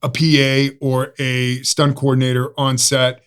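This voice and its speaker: A man's voice: mid-range voice, level tone, unhurried, a bit bright, smooth. A man in his fifties from Ohio with an Ohio accent, a stuntman and actor telling stories as a guest in a casual interview, joking and self-mocking. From Ohio, USA. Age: 50s. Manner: jokey, self-mocking storyteller.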